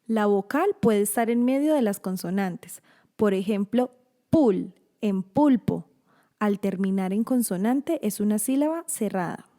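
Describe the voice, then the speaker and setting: A woman giving a scripted instructional narration for parents and teachers, slowly stretching out the example words. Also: medium pitch, lively intonation, dark tone.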